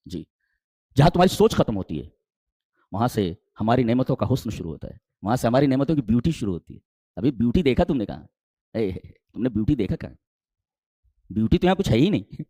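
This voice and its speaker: A man preaching a sermon in with Quranic exegesis, asking rhetorical questions and climbing to emphatic high peaks before dropping low. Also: big pitch swings, pauses often, mellow, dry recording, studio quality. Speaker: Islamic preacher.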